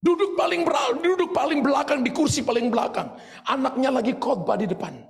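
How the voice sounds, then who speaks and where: Indonesian pastor guy preaching, high gravelly voice, gets shouty, big echoey church hall. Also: brisk. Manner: animated storytelling, shouting at peaks. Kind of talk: sermon.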